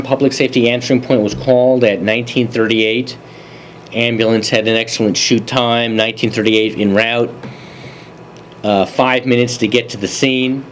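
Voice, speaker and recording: A man presenting a continuing education review of emergency calls, relaxed and conversational with dry asides. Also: lowish voice, slight background noise, low-quality recording. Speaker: EMS medical advisory presenter. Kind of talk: case review lecture.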